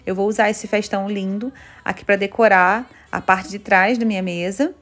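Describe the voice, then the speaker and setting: A woman's voice: medium pitch, fairly even intonation, moderate pace, fairly bright tone. Brazilian-accented woman, home decor vlogger, enthusiastic and gushing, casual chat. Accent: Brazilian Portuguese. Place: home kitchen, indoors.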